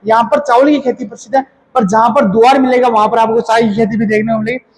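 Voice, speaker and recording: A man's voice: very high-pitched, fairly even intonation, fast talker, low-quality recording. A male teacher giving an exam-prep geography lecture in a casual explaining tone. He often repeats key terms back as quiz questions and corrects himself mid-sentence.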